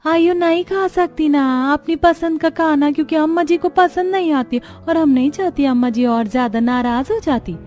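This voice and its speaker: A woman's voice: sits high, normal speed, few pauses, darkish tone, voice pushed up, lightly acted. Cartoon daughter-in-law, young, meek and pleading, voiced by a woman. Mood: plaintive.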